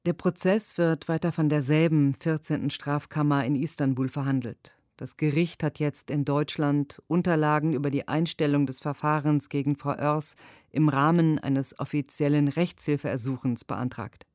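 A woman reading a lawyer's translated interview answers in a measured, earnest way. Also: low-pitched, fairly even intonation, a little mellow, no room sound, clean studio sound.

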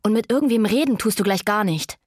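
A woman's voice: medium pitch, fast talker, slightly rough, no room sound, studio quality, natural voice. A woman voicing a harsh scolding mother. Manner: sharp, scolding. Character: harsh, controlling mother scolding her daughter. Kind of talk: audiobook reading.

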